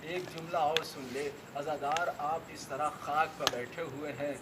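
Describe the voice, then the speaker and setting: Male cleric, high voice, declamatory sermon oratory with repetition building to lament; distant noisy recording. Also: steady tone. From India. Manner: declamatory, rhythmic repetition, swells into impassioned lament. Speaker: Shia cleric (maulana). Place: gathering where mourners sit on the ground. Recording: distant mic with loud background noise.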